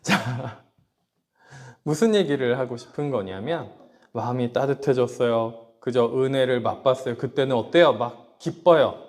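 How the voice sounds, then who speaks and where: A man's voice: medium pitch, measured pace. A man preaching a sermon to children, telling a family story and often asking his listeners questions. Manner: warm storytelling with questions to listeners and light laughs; acts out a child's quoted words. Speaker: pastor.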